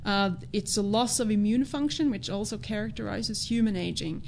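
A woman who grew up in Norway, a biologist answering interview questions in a measured, explanatory way. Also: mid-range voice, gravelly, darkish tone, slight background noise. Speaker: biologist guest.

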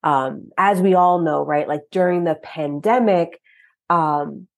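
Woman guest on a podcast, low voice, thoughtful, keeps asking "right?". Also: slow pace, gravelly. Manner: thoughtful, leans on tag questions. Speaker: guest professor. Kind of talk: casual interview.

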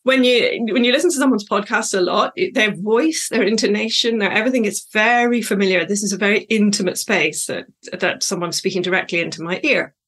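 A woman speaks close to the mic in a solo podcast episode, in a voice of ordinary middle pitch. She talks in a loose, reflective way, wandering into tangents and filling pauses with ums and little laughs. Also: fairly bright tone. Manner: chatty, reflective, digressive with frequent fillers and laughs. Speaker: podcast host and coach.

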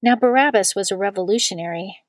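Female scripture reader, mid pitch, measured and deliberate, dry booth sound. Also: no room sound. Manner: slow and deliberate on quoted words. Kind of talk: measured liturgical reading.

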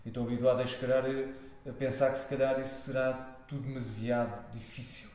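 Male interview guest, European Portuguese accent, conversational and explanatory, medium pitch, heavy room echo. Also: flat delivery, fairly quick, darkish tone. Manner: explanatory, seeks agreement with tag questions. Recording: very echoey room.

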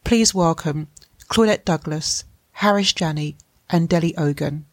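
A podcast host with a deep voice reads a scripted, formal introduction and then politely asks her guests interview questions. She speaks at a measured pace, with no room sound.

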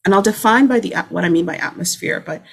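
Hoarse, stuffy-voiced woman sharing. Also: mid-range voice, fast. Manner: apologetic, earnest, many restarts. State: hoarse, stuffy from a head cold. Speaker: speaker sharing a prophetic word. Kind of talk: informal church sharing over a broadcast.

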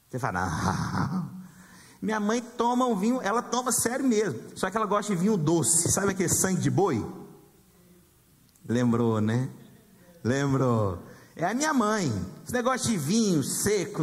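A man in his forties with a Brazilian Portuguese accent, a pastor preaching a sermon and throwing rhetorical questions at the congregation. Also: sits high. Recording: hall reverb.

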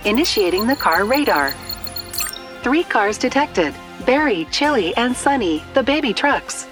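A woman's voice: on the high side, big pitch swings, unhurried, over music. A woman voicing a polite, obedient computer voice assistant in a children's cartoon, making formal, clipped status announcements. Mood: helpful, efficient.

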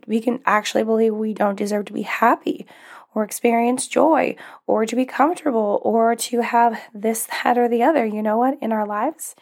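Fairly high-pitched, creaky and a little mellow, this young woman's voice carries her casual solo podcast. She's a life coach who stays upbeat and encouraging, dropping in frequent small laughs and fillers, though her voice is strained from recovering after losing it and may break.

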